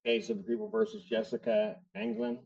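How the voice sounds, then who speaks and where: A man presiding as a judge, running formal court proceedings in a brisk, blunt, procedural way, heard on a courtroom recording. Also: sits high, very animated, gravelly, a little mellow. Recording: distant, dull courtroom recording.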